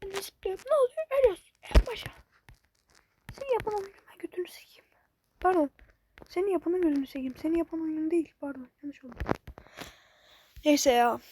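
A woman with a very high voice talks through a game as she plays it. She gets frustrated and swears at it often. A faint hiss and some clicking sit behind her voice. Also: brisk, pauses often. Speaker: gamer. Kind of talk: casual gameplay commentary.

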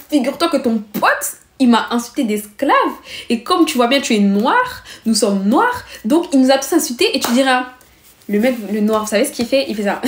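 Animated teenage girl, echoey room. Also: a little high, a little hiss or hum. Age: teens. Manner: fast, heated, acts out the people in her story. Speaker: vlogger telling a story. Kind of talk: animated storytime chat.

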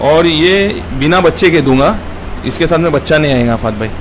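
Man, 30s, sheep farmer, short plain answers, handheld mic, noisy shed, fairly high voice. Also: lively intonation, moderate pace. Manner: short, plain answers, keeps saying "fat bhai". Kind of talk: casual interview answers. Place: sheep shed on a farm, indoors.

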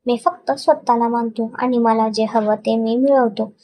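A woman's voice: fairly high pitch, fairly even intonation, moderate pace, dark tone, natural voice. A woman reading the lines of a cold, domineering young husband in a storybook tale, speaking curtly and in command. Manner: curt, commanding.

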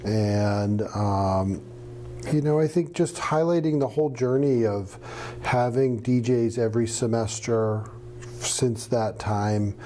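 A middle-aged man from New Hampshire, a radio professor answering interview questions in a relaxed, storytelling way with some fillers. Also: mid-range voice, slow pace, a little hiss or hum. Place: studio with green screen.

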